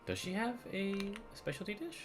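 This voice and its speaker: This live streamer is a man chatting casually while playing a video game, his voice high and very animated at a normal speed. Game music and dialogue play behind him.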